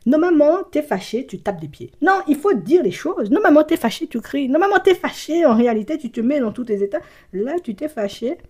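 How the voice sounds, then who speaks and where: A woman talking straight to the viewer in a casual monologue, teasing and mocking as she swings between soft murmurs and loud exclamations, with tag phrases dropped in all the time. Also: high-pitched, sing-song, fairly quick. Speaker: video creator speaking to the viewer. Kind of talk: casual direct-to-camera monologue.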